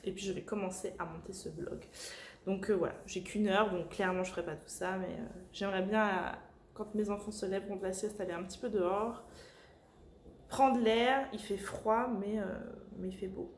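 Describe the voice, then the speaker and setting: Woman, book vlogger, chatty, hesitant fillers, mid pitch, echoey room. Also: fairly even intonation, slight background noise. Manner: chatty, many filler pauses. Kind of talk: casual vlog chat. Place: home.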